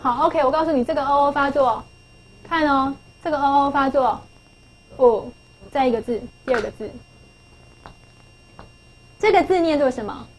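A middle-aged woman with a high voice teaches a phonics lesson. She keeps asking her pupils questions and repeats the key points to drive them home. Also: moderate pace, long pauses, a little hiss or hum, poor audio. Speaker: English teacher.

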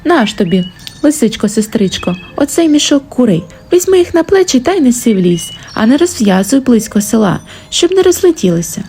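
A woman's voice: fairly high pitch, very animated, a little fast, mellow, faint music behind. A woman voicing a simple, humble peasant man who pleads and bargains in a storybook tale. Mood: earnest.

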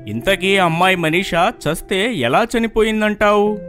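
A woman's voice: medium pitch, normal speed, faint music behind, voice pushed down, lightly acted. Woman playing a curt, skeptical cop. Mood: stern. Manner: loud, curt and demanding. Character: gruff, skeptical police officer, male.

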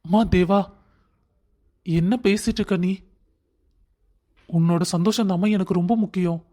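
A man's voice: high voice, fairly even intonation, normal speed, dark tone, lightly acted. A man playing a protective older brother. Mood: reassuring. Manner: reassuring, firm. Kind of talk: cartoon voice acting.

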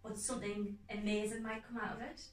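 A young woman actor talking earnestly and enthusiastically in a casual interview, in quick runs of speech. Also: mid-range voice, flat delivery, far from the mic. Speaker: guest actor. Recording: roomy echo, off-mic, faint music behind.

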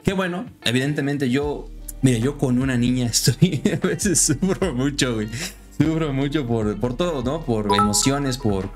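Man, casual streamer chat, lively and friendly, faint music behind. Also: unhurried. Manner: lively, friendly, jumps in pitch when excited.

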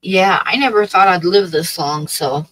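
A woman's voice: fairly low pitch, unhurried, fairly bright tone, a little hiss or hum, rough recording. A woman in her sixties from Oregon, hosting a livestream and chatting casually with her viewers in a rambling, hesitant way full of fillers. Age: 60s. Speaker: livestream host. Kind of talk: casual chat with live chat. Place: small dim room with draped wall.

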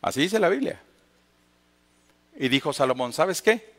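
Mexican pastor preaching with dramatic swings. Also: male voice, a little high, animated, unhurried, long reverb tail. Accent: northern Mexican. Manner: dramatic storytelling, acting out voices, swings from loud to hushed. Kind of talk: sermon.

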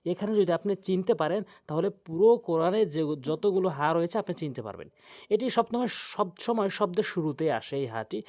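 Slow, patient teacher, a man. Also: fairly high pitch. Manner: patient, drills letter sounds by repeating them slowly. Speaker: Quran reading teacher. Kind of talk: step-by-step pronunciation lesson.

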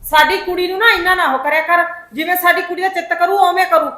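A combative aunt who talks back in a family drama, played by a woman. Her voice is very high, bright and quick. The sound rings in an echoey room. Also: fairly even intonation. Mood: defiant. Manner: argumentative, talking back. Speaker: paternal aunt living in her brother's house.

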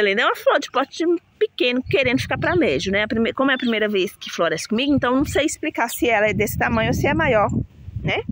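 Female vlogger with a higher voice and a chatty, self-mocking, casual delivery, among potted plants with faint birdsong behind her. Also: slight background noise. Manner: chatty, self-mocking about pronouncing names. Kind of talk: casual chat to viewers.

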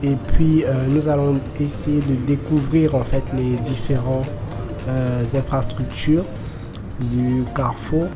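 Slow, hesitant man guiding a walk. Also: mid-range voice, level tone. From Côte d'Ivoire. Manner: slow, hesitant, many fillers. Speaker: walking tour guide. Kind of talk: casual walking-tour narration. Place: outdoors beside a busy city road. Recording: background music and traffic noise.

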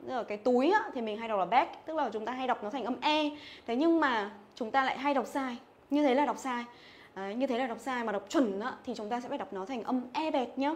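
Young female teacher, fairly high voice, livestream drill style, repeats each word and keeps asking if students got it. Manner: drills words by repeating them, checks in with "nhớ chưa?". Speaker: English teacher. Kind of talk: livestream pronunciation lesson. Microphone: phone or webcam mic on a livestream.

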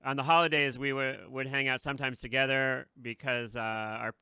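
A man's voice: mid-range voice, steady tone, normal speed, gravelly, pushed and bright, clear, resonant tone, dry recording. A man hosting a casual interview, chatty and often laughing, on a desk mic with headphones in a small studio. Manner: chatty, laughs between remarks, many fillers. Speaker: host. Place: small studio with red curtain.

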